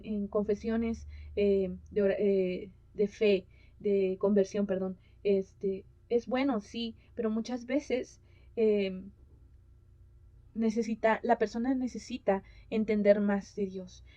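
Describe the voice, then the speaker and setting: A woman's voice: mid-range voice, fairly even intonation, takes it slowly, dark tone, dry recording. A woman giving a conference talk on mission and culture, hesitant with many fillers as she reads Bible passages aloud. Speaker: conference speaker. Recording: dull lo-fi sound.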